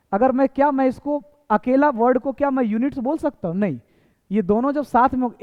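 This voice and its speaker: A man teaching a basic English lesson, repeating points and asking rhetorical questions. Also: extremely high pitch. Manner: repetitive, quizzing with rhetorical questions. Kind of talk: classroom lesson. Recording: echoey hall, tinny phone-like sound.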